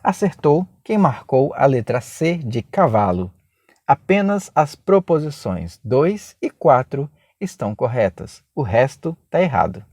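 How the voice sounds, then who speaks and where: Lively Brazilian teacher, mellow voice. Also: male voice, mid-range voice, no room sound, studio quality. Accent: Brazilian Portuguese. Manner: didactic, rhetorical questions, slow syllable spelling. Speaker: Portuguese teacher for exam prep. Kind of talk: video lesson.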